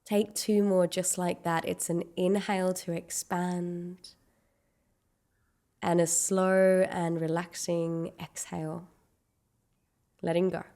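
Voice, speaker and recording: A woman with a fairly low voice guides a meditation. Her tone stays level as she gives gentle, unhurried instructions separated by long pauses.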